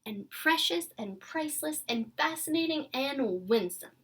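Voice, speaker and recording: A woman voicing an earnest, adoring storybook father in a deliberate, emphatic manner. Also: high voice, animated, fairly bright tone, pitched above the performer's own voice, full character voice. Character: earnest, adoring storybook father who piles up fancy words.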